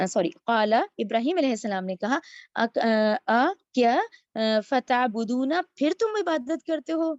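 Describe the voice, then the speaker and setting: A woman's voice: a little high, dry recording, highs cut off. A woman teaching a verse-by-verse religious lesson, reciting Arabic phrases and then explaining each one. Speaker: Quran teacher.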